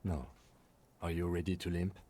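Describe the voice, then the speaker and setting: Reserved cop lieutenant, low voice, precise, deadpan. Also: male voice, moderate pace, breathy edge. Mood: calm. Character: calm, reserved adult male police lieutenant. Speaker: police lieutenant. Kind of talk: game voice acting.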